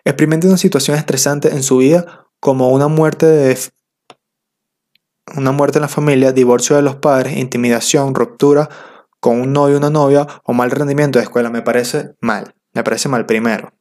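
A man's voice: medium pitch, steady tone, fairly quick, darkish tone. A young man from Venezuela with a Venezuelan accent, talking to the camera in a casual, slangy, self-mocking comic monologue. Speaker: vlogger.

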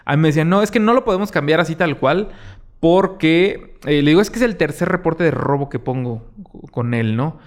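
A man's voice: on the high side, fairly quick. A young man with a Mexican accent hosting a podcast, telling a story in a casual way and acting out what people said. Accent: Mexican Spanish. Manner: animated, acts out quoted exchanges, many fillers. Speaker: podcast host.

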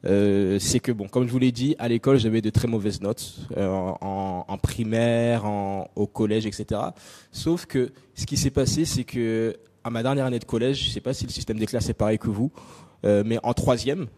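A young Frenchman, an invited speaker, gives a personal conference talk on stage, direct and chatty with many fillers. His voice is lowish and dark, at a moderate pace.

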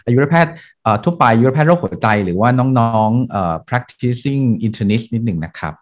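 Male host, formal and courteous, medium pitch. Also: expressive, normal speed. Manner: polite, formal moderating. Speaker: podcast host. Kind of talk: hosting a medical podcast interview.

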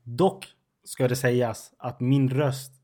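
A man in his twenties with a suburban Stockholm accent, co-hosting a casual podcast and telling stories about himself. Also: mid-range voice. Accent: Stockholm suburban Swedish. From Sweden, near Stockholm. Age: 20s. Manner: animated, self-mocking storyteller. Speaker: podcast co-host. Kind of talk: casual chat.

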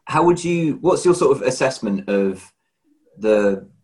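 A podcast host asks questions hesitantly in a conversational interview, often repeating words as he searches for them. His voice is mid-range, a little mellow, and animated though a little slow.

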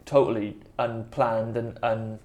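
Slow and a little mellow, his lowish voice barely moves in pitch. This Welsh Valleys-accented man from the South Wales Valleys, a band musician and producer, rambles self-deprecatingly through a conversational anecdote as an interview guest.

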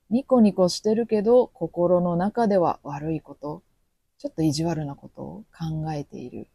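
Woman, Kansai accent, Japanese teacher, husky, dry close recording. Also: low voice, dark tone, dry recording. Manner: slow, clear teaching delivery acting out quoted lines. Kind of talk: podcast language lesson.

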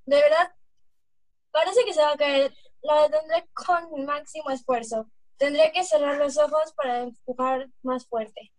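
A woman's voice: high-pitched, steady tone, measured pace, dry recording. A woman voicing a blustering hungry coyote. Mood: strained. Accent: Mexican Spanish. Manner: blustering threats, stumbling over lines. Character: hungry, gullible, hot-tempered male coyote. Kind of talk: amateur read-aloud folk tale acting.

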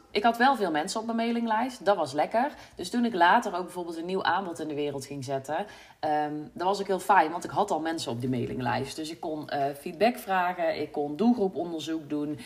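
Low-voiced woman with a Brabant accent. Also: fairly quick. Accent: Brabant Dutch. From Brabant, Netherlands. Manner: reflective, candid, many fillers. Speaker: podcast host, business coach. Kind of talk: casual solo podcast monologue.

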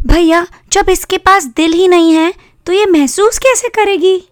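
A woman voicing a young girl who tenderly protects her rag doll, in a high cooing voice. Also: a little slow, no echo, studio quality. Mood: tender coaxing.

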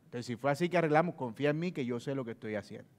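A man's voice: medium pitch, expressive, racing, a little mellow, voice pushed down, close to an everyday voice. A man voicing a defensive, sarcastic husband in a money argument, full of indignant retorts.

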